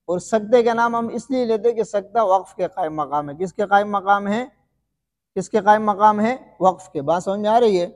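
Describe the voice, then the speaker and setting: Male recitation teacher with a high voice: repeats questions, drags out the examples, sounds heavily reverbed. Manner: repeats questions to the students and answers them himself; slow, drawn-out demonstration recitations. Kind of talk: classroom-style recitation lesson.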